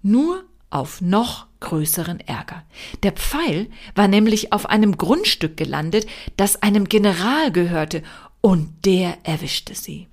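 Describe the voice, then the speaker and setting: A woman reading a folk tale aloud as a storyteller, expressive with dramatic pauses. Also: mid-range voice.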